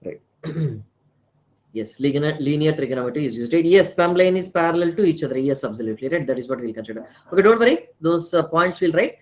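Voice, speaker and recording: A man's voice: on the high side, expressive, quick pace, darkish tone, muffled recording. An Indian-accented man lecturing live online as a teacher, repeating phrases, checking with tag questions and mixing Hindi words into English. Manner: repeats phrases, frequently tags questions with right and na.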